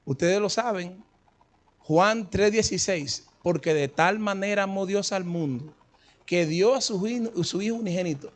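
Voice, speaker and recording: Male preacher, fairly high voice, emphatic Bible study delivery that retells scripture dramatically.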